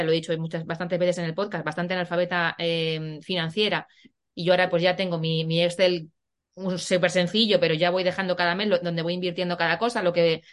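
A woman from Spain with a Spanish accent, hosting a podcast in frank, slangy casual chat. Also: on the low side. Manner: frank, slangy, many restarts. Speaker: podcast host.

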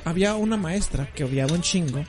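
A young Mexican man co-hosting a podcast, telling school stories in slangy, animated casual chat. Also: fairly high pitch, fast talker, faint music behind. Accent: Mexican Spanish. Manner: slangy, animated, acts out voices in anecdotes. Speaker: podcast co-host.

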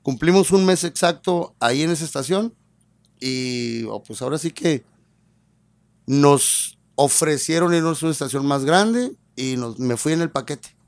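A man's voice: a little high, a little slow, dry recording. A man with a Mexican accent, a radio personality and voice artist, telling his story in a casual interview and acting out the people he quotes. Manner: lively, acts out quoted dialogue in changed voices.

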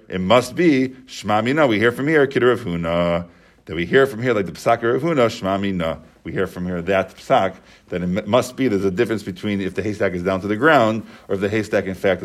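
Man teaching a Talmud class, low voice. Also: brisk. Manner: explains step by step, repeats and restates points.

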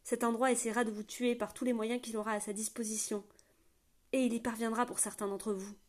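A woman's voice: on the high side, flat delivery, fairly quick, lightly acted. A woman voicing a hairy, bearded rebel man who growls vehement warnings. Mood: growling.

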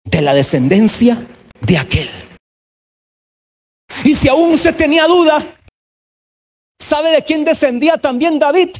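Male pastor, very high voice, impassioned preaching, slow stressed words, sudden shouts. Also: lively intonation. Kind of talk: sermon.

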